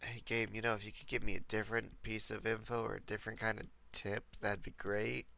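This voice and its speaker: Gravelly young man streaming with a cold. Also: fairly low pitch, little pitch movement, a little fast, sharp tone. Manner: rambling, chatting to viewers. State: recovering from a cold. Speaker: livestreamer. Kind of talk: casual gameplay commentary.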